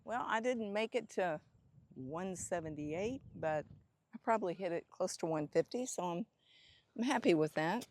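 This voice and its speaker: A woman's voice: lowish voice, expressive, moderate pace, darkish tone. A middle-aged woman hosting a casual golf vlog, chatting to herself on the course with a self-deprecating manner. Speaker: host.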